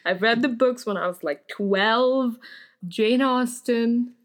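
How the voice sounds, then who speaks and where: A young woman from India, a guest and acting student chatting casually in an expressive, talkative way with quick laughs. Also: fairly high pitch. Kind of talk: casual podcast chat.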